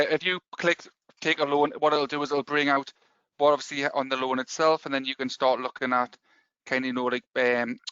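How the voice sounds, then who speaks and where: A man with a Geordie accent rattles through a software pitch at a rapid clip, full of "you know" and "obviously". His voice is smooth and clear, but the sound is dry and a bit dull. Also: no echo. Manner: fast, filler-heavy sales talk. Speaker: software company presenter. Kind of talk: webinar product pitch.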